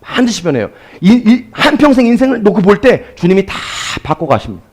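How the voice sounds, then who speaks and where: A man's voice: high-pitched, sing-song, brisk, a little mellow, slightly rough. A man preaching a Sunday sermon as pastor, speaking directly to his congregation.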